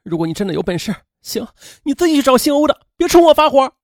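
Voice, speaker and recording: A man's voice: extremely high pitch, very animated, normal speed, darkish tone, husky, dry recording, clean studio sound, voice pushed up, full character voice. A man voicing a distraught young wife, tearful and bitter, in a told crime story.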